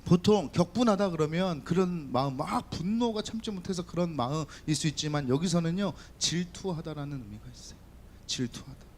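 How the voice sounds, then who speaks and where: High-voiced male youth pastor, chatty, questioning sermon style. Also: a little fast, few pauses, a little hiss or hum. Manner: lively, talks directly to students with questions and jokes. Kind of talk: sermon to teenagers. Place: church hall.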